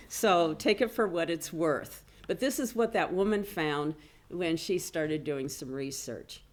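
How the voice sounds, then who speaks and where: Woman, low pitch, business professor, conference talk, chatty, self-deprecating asides. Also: takes it slowly. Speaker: business professor presenting at a symposium. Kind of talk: conference presentation with slides. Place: conference room.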